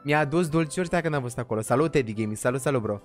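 A man's voice: medium pitch, soft background music. A young man hosting a casual livestream, energetically greeting viewers by name. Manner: energetic, rattles off viewer names; says he talks more quietly than usual. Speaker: livestream host.

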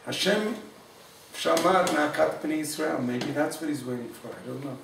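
A man giving an informal Torah class, telling a story warmly and mixing in Hebrew and Yiddish words. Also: fairly high pitch, moderate pace, vocal fry, far from the mic, noisy background. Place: room in Jerusalem. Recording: echoey room, speaker away from the mic.

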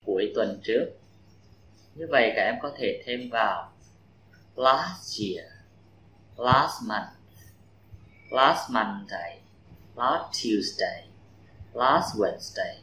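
A male English teacher from Vietnam. He models words slowly with strong stress and explains quickly in between. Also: fairly low pitch, expressive, sharp tone, echoey room, slight background noise, low-quality recording. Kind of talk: classroom pronunciation drill.

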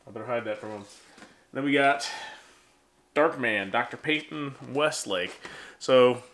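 A man's voice: mid-range voice, unhurried, a bit bright. A man in his thirties casually talking through a box of vintage toys as host of his collecting channel, rambling and joking at his own expense with lots of ums. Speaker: toy collector vlogger. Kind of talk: casual unboxing chat. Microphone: handheld camera, then on a tripod. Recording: faint background noise.

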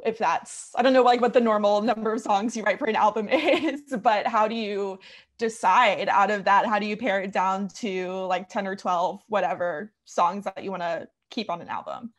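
A woman's voice: mid-range voice, normal speed. Chatty young woman interviewer on a call. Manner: friendly, chatty, giggly, questions with fillers. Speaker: interviewer, music magazine editor. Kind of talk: casual video-call interview. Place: small room indoors. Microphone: video call, over-ear headphones.

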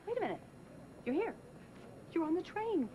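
A woman's voice: very high-pitched, sing-song, moderate pace, muffled recording. An actress playing a bubbly, chatty woman friend in a soap opera, gushing and stammering, on a noisy tape. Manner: gushing, emphatic, stammering restarts.

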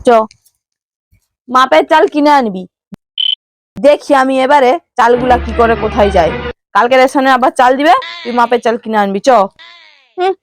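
A woman playing a suspicious, scolding village wife and mother in a comedy skit, nagging and commanding. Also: high voice.

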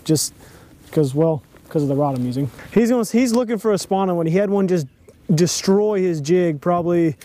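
A young man, chatting excitedly from a bass boat on a lake while he fishes and films himself on an action camera. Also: moderate pace. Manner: excitable, chatty, lots of exclamations. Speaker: fishing vlogger. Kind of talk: casual outdoor chat while fishing. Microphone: action camera mounted on the boat.

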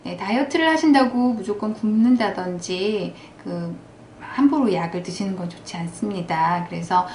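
A woman dermatologist calmly explaining a procedure in formal terms at her clinic. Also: medium pitch. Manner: calm, measured, formal explanation. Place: clinic consultation room. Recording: echoey clinic room, faint noise.

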